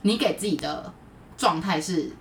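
A woman in her thirties with a Taiwanese Mandarin accent, hosting a podcast and telling stories in a casual chat, animated and laughing. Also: normal speed, creaky, distant mic, slight background noise. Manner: animated, laughing, swooping pitch when retelling stories. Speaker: podcast host. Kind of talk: casual chat, lively storytelling.

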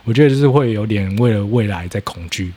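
A man with a Taiwanese accent talks in a candid, casual way. His voice is a little low and husky, and the words come quickly. He is self-reflective and keeps checking that he is being understood. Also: mellow. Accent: Taiwanese Mandarin. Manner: self-reflective, often checks the listener follows.

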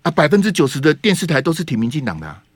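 A man's voice: on the high side, wildly swooping pitch, racing, no room sound. A man with a Taiwanese Mandarin accent hosting a radio talk show, giving fiery, sarcastic political commentary full of rhetorical questions. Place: radio studio.

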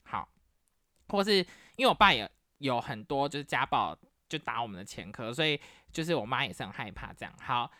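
Podcast lady from taiwan, lowish voice but super bright and bouncy, acts out all the family quotes, dry close mic. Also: fairly quick, no echo. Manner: chatty, animated storytelling that acts out the quoted voices of family members. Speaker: podcast host. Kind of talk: casual storytelling monologue.

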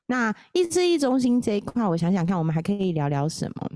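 A woman hosting a podcast, talking in a giggly, self-deprecating, animated way. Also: mid-range voice, fast. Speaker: podcast host, astrologer. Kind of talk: casual podcast chat.

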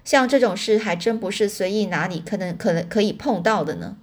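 A woman reading a children's novel aloud in a chatty way, pausing to explain words and correcting herself. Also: mid-range voice, expressive, slightly rough. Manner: pauses to explain words to listeners; chatty fillers, self-corrections. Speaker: storyteller.

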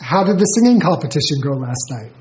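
A woman's voice: deep voice, big pitch swings, a little fast, darkish tone. A woman playing an encouraging, proud school teacher in a language-lesson dialogue. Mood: approving.

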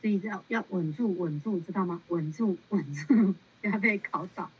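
A woman nun counseling a follower in a casual, animated way, laughing often and repeating words for emphasis. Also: medium pitch, normal speed, husky. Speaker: Buddhist nun giving counsel. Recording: muffled lo-fi sound.

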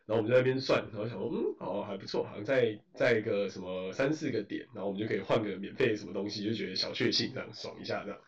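A man with a Taiwanese Mandarin accent telling a story in casual chat, animated, swearing and mixing in English phrases. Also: fairly low pitch, rapid-fire, few pauses. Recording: roomy, distant, dull lo-fi.

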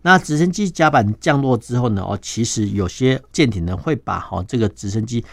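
A man's voice: mid-range voice, fairly quick, creaky, no room sound. A male defense journalist with a Taiwanese Mandarin accent, explaining patiently as an interview guest and peppering his sentences with little filler particles. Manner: steady, explaining step by step.

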